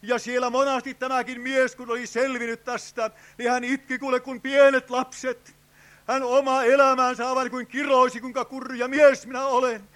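Fervent high-voiced older preacher. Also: male voice, flat delivery, a bit bright. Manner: fervent, with frequent drawn-out "oh" cries and direct appeals to "friends". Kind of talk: evangelistic sermon. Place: revival tent meeting.

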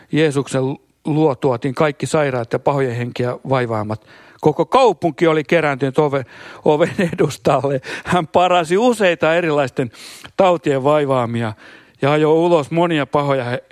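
A man's voice: mid-range voice, dry recording, studio quality. Man reading scripture with hallelujahs. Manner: interjects hallelujahs between verses; occasional stumbles and restarts while reading. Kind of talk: scripture reading with spontaneous comments.

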